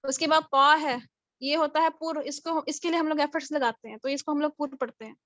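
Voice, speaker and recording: A woman's voice: sits high, fairly even intonation, a little fast, a bit bright, dry recording. A woman teaching a tajweed class over a video call, drilling letter sounds again and again. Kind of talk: online class lecture. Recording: dull lo-fi video call audio.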